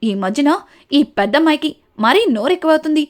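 A woman's voice: high-pitched, a little fast, natural voice. A woman voicing a stern mother-in-law matriarch. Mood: scolding. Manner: scolding.

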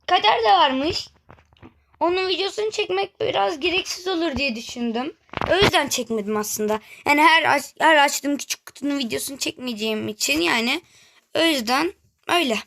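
A woman's voice: sits high, vocal fry, fairly bright tone, a little hiss or hum. A woman hosting a gaming channel, giving casual gameplay commentary and chatting straight to her viewers. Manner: chatty, keeps addressing viewers directly.

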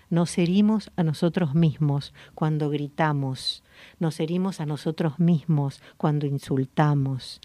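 A woman with a Rioplatense Spanish accent, hosting a radio voice lesson in a calm, slow, guiding way. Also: sits low, no room sound. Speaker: voice coach and radio host. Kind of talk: gentle voice-coaching lesson. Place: radio studio.

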